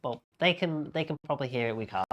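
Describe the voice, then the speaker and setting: A bingo host calling a live game in a casual, unscripted way, with hesitant, halting delivery. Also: mid-range voice, expressive, fairly bright tone.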